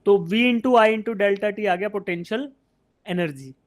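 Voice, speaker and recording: Speaking slowly, an Indian man with a fairly high voice runs a live online exam-prep physics session. He works through the idea in steps, fires off questions only to answer them himself, and keeps using "beta" for his students. The technical parts come out.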